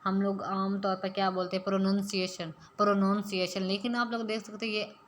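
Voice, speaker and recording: A woman's voice: medium pitch, fairly even intonation, a little fast, a bit bright, slight background noise. A woman teaching spoken English, explaining step by step and slipping English phrases into her talk.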